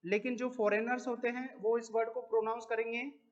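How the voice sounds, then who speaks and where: A man's voice: very high-pitched, little pitch movement, lo-fi sound. A man with an Indian accent teaching an English lesson, asking questions and answering them himself, repeating each word. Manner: explains slowly, repeats words, asks questions then answers them. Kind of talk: classroom lesson.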